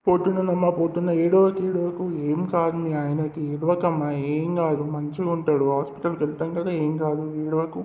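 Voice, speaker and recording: A man's voice: a little high, little pitch movement, fairly quick, few pauses, roomy sound, big-room sound, narrow, tinny audio, close to an everyday voice. A man playing a reassuring village friend. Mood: soothing. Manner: soothing, reassuring, then pleading. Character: kind village man driving a sick friend to hospital. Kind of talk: village short-film acting.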